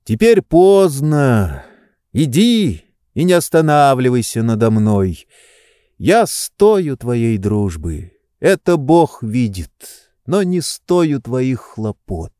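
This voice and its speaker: A man voicing a weary, gentle nobleman who pleads to be left alone, in a soft, imploring voice. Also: mid-range voice, sing-song, slow pace, no room sound, studio quality. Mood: pleading.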